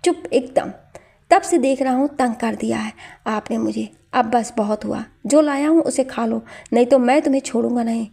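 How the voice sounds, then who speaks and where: A woman's voice: high-pitched, moderate pace, mellow. A woman voicing a tender, anxious young husband who soothes and pleads with his wife. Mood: angry. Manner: soothing, pleading, then scolding.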